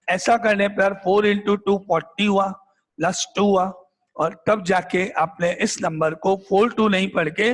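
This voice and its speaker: High-voiced male teacher drilling a class. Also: long reverb tail. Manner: repetitive, drilling questions back at the class. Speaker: math teacher. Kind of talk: classroom lecture, questioning students. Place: classroom with students.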